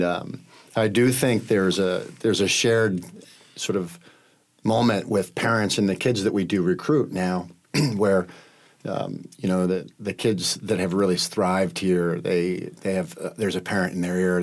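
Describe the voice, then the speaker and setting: A male interviewer reflecting in a conversational way, with many pauses and fillers. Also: sits low, fairly even intonation.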